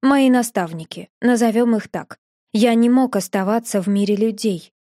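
A gentle, remorseful young man speaks low and tenderly, as a woman reader voices him. The tone is mellow and dark, and the recording is close and dry, with no room around it. He sounds protective and quiet rather than forceful. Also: moderate pace, no echo, natural voice. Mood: confessional.

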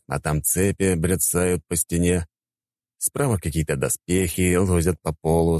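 A man narrates an audiobook in a wry, conversational way, in a low and mellow voice. The recording is close and dry, with no room sound. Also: dry recording.

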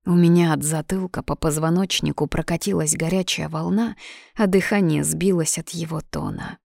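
A woman narrates a first-person story for an audiobook. Her voice sits low and the recording is dry and close. She tells it evenly. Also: fairly even intonation, normal speed, creaky, darkish tone, no echo.

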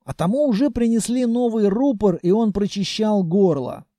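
A man narrating an audiobook in a lively, wry storytelling manner, recorded close to the mic. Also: sits high, moderate pace, no room sound.

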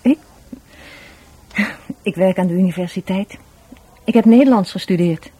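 Speaking at normal speed in a mid-range, dark, slightly rough natural voice, an actress voices a radio-drama character: the educated, shy sister of a man who has died. With a Dutch accent she stays reserved and guarded, hesitating, repeating herself and evading.

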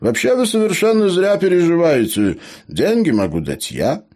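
A man doing a high, wheedling dwarf schemer. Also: normal speed. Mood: persuading. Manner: eager, persuasive, high excited voice. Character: fussy scheming male dwarf, chatty.

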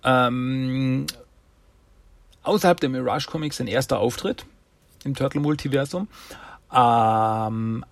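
A man's voice: mid-range voice, takes it slowly, vocal fry, pauses often, dry recording. A man recapping a cartoon episode in a rambling, chatty way. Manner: rambling, chatty, acts out voices. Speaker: host.

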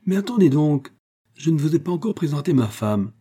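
A man voicing an excitable young working man in an audiobook. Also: lowish voice, fairly quick, husky. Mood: exuberant. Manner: exuberant, excitable.

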